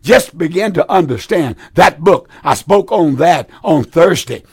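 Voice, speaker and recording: Creaky, worn-voiced male preacher. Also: a little high, lively intonation, a little slow, darkish tone, no room sound. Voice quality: weak, strained, husky voice. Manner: earnest, plain folksy exhortation with repeated phrases. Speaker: preacher hosting a call-in Bible show. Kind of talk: live Bible call-in preaching.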